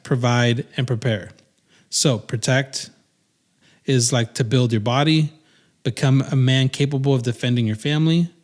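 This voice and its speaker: Rambling dad chatting on a podcast. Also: male voice, mid-range voice. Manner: rambling, many restarts and fillers. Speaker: podcast co-host. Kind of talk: casual chat.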